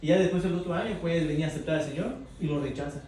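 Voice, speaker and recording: Brief: warm, slightly high male Bible teacher, conversational, heard from far off in a roomy hall with faint noise. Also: very fast. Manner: asks the group questions, tags lines with "verdad?". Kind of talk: interactive Bible class.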